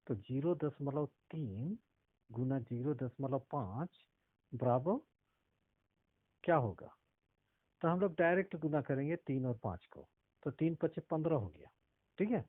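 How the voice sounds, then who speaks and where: A man's voice: a little high, no echo. A male math teacher explaining decimal multiplication step by step, often stopping to ask if students understood. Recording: tinny phone-like audio.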